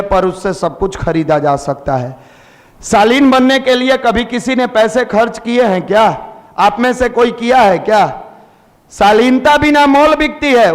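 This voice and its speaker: A man with a Bihari accent giving a motivational lecture at a youth seminar. He exhorts his listeners, asks them rhetorical questions and mixes English words into his speech. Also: high voice. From Bihar, India. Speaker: speaker addressing a youth seminar. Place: indoor seminar hall. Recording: long reverb of a hall.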